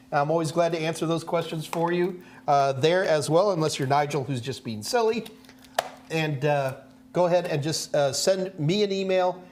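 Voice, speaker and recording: A man from the Houston area, hosting a casual live question-and-answer stream in a folksy, joking manner. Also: fairly high pitch. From Houston, Texas area. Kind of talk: casual livestream chat. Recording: clear background noise with hum.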